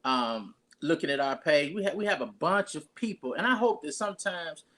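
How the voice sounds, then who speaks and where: A man's voice: a little high, expressive, normal speed, pushed and bright. A pastor, talking casually and rambling through his introduction of a guest with many restarts.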